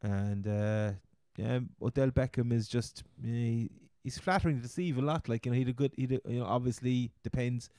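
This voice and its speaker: A man's voice: medium pitch, steady tone, normal speed, few pauses, warm tone, no room sound, studio quality. An Irish man with a Cork accent hosting a casual sports chat, rambling and often repeating his words. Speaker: podcast host. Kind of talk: casual chat, fantasy football commentary.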